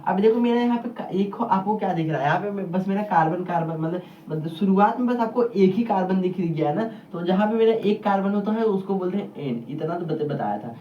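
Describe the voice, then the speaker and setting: A man's voice: sits high, lively intonation, a little fast, hardly any pauses. A male teacher giving a casual whiteboard lesson, chatty and rambling, speaking straight to his students. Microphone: camera across the room. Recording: distant muffled camera audio, faint hiss.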